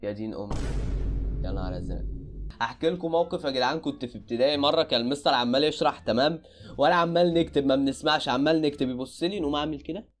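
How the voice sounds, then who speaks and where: A man with an Egyptian accent giving casual reaction commentary on videos, full of loud exclamations and repeated cries of disbelief. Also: fairly high pitch, very fast, slight background noise. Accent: Egyptian Arabic.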